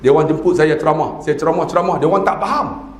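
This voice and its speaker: Male preacher in his 50s, northern Malaysian Malay accent, high voice, playful, keeps asking the crowd, echoey hall. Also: fast talker. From northern Peninsular Malaysia. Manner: jokey, quizzes the audience, mimics regional dialects. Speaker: religious lecturer. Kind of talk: humorous religious talk.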